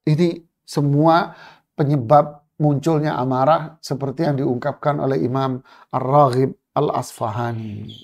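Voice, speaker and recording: A man's voice: fairly high pitch, darkish tone. A man giving an Islamic religious lecture, asking rhetorical questions, reciting Arabic phrases and translating them. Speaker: Islamic preacher. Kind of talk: religious lecture on a classical text.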